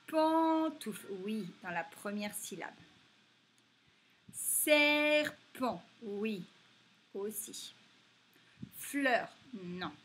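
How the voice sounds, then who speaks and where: Slow, husky woman teaching phonics. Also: mid-range voice. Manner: slow, stretches and stresses example words. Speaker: primary school teacher. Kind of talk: reading lesson for young children.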